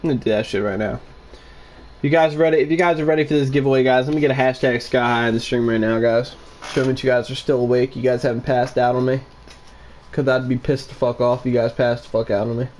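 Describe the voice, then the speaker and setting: A man's voice: medium pitch, fairly even intonation, fast talker, a little mellow. A man talking casually to his livestream chat, hyped up, repetitive and swearing freely.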